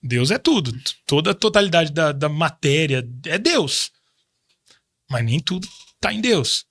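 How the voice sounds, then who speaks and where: A man's voice: on the high side, very animated, a little slow, a bit bright, no room sound. A man in his thirties from Brazil, a guest in a casual interview, talking in a reflective, faith-driven way with frequent restarts. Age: 30s. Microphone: studio microphone.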